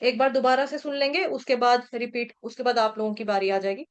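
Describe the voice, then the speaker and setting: Woman, patient recitation teacher; high, smooth, very unhurried chanting voice. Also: steady tone. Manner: patient, repeats syllables slowly and explains each sound. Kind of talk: slow sung Sanskrit verse chanting with pronunciation lessons.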